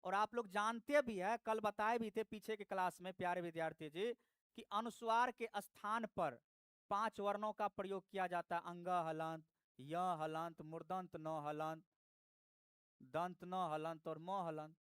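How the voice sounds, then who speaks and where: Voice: mid-range voice, fairly even intonation, measured pace, fairly bright tone, smooth, no room sound. A teacher giving a live online lesson, patiently repeating each point and addressing the students directly. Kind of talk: live online class, explaining grammar.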